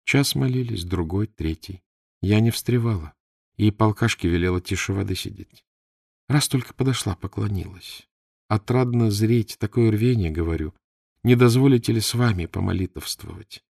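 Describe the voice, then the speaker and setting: A man voicing a pious, blind old woman storyteller who speaks in a sad but calm way, with old-fashioned words. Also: low voice, quick pace, vocal fry, hardly any pauses, husky, no echo, clean studio sound, exaggerated voice.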